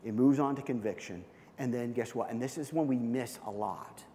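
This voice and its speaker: A man's voice: mid-range voice, moderate pace, dark tone, a little hiss or hum. A man preaching a sermon as a pastor, emphatic, checking in with a repeated "okay?" after each point. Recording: long reverb of a large hall.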